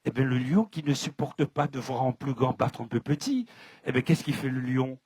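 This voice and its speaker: A man with a French Caribbean accent telling folk tales live, in a lively, dramatic way that speaks straight to the audience. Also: mid-range voice, normal speed, slightly rough. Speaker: storyteller.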